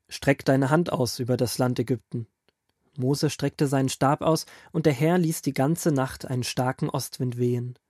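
In a children's audio drama, a male narrator plays a grandfatherly figure who reads a Bible story with calm, storytelling ease. The voice is natural and mid-range, captured in a dry, studio-quality recording.

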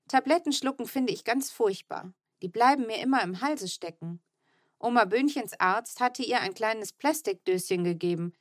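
A woman narrating a children's audiobook in an expressive, lively storytelling manner. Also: medium pitch, dry recording, clean studio sound.

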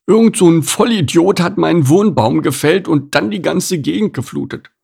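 A man's voice: fairly high pitch, animated, normal speed, gravelly, a little mellow, slightly rough, pitched above the performer's own voice, full character voice. A man voicing a grumpy, pointy-nosed male opossum in a storybook, grumbling and sarcastic in a raised voice.

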